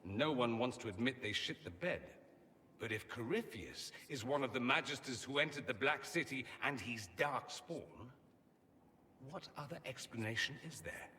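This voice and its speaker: Vain witty mage, bright tone, lively pitch, light reverb, faint ambience. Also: male voice, moderate pace, a little hiss or hum. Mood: brooding. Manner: witty, self-assured, theatrical. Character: witty, vain male mage from a foreign empire. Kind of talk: video game dialogue.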